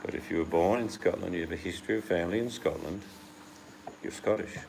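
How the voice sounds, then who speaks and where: A man's voice: low-pitched, quick pace, vocal fry, darkish tone, a little hiss or hum, rough recording. A man from the United Kingdom chatting casually and rambling as host, acting out the voices he quotes. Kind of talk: casual chat.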